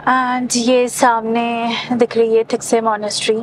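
A woman's voice: fairly high pitch, little pitch movement, slow pace, over music, low-quality recording. A woman in her thirties, hosting a travel vlog. She chats casually from inside a car and points out sights along the road. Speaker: travel vlogger.

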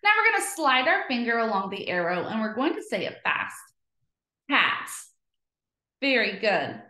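A woman leads a children's phonics lesson with a bright, sharp voice pitched a little high. She sounds out letter sounds slowly and clearly, cheering the kids on, and her voice rings in an echoey room. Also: big pitch swings. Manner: cheerful and encouraging. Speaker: teacher.

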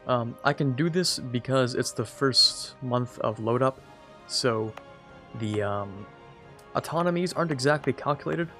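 A young man hosts a let's-play of a strategy game, his mid-range voice slightly strained yet bright and forceful at a measured pace. He chats casually, pokes fun at himself, and talks to the computer rivals as he plays. Soft music runs in the background.

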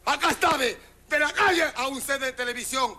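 A man with a Peruvian accent doing a stand-up comedy routine, loudly mock-scolding and teasing audience members on a television set. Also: very high-pitched, fairly quick. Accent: Peruvian Spanish. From Peru. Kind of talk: street-style comic routine with the audience. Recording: loud crowd and noise behind the voice.

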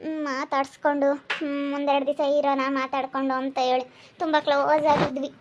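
An actress plays a quiet, apologetic visiting relative who pleads softly and slowly. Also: female voice, sits high, little pitch movement, highs cut off, slight background noise, natural voice. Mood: pleading. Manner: soft, slow, pleading. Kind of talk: village family drama acting.

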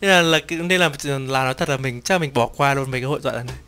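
A man streaming a game in casual chat, reading the dialogue aloud in playful voices, excitable and quick to swear and laugh between lines. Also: medium pitch, clean tone. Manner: reads each character's lines in playful voices and comments between them. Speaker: gameplay streamer. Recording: game music behind the voice.

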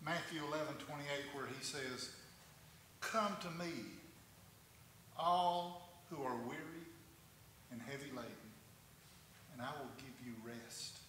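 A pastor leading a communion liturgy in a measured, reverent way, his voice carrying a cathedral echo in a large church sanctuary. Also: on the high side, pushed and bright. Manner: measured, reverent reading with slow stresses. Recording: echoey church hall from a distance, faint noise.

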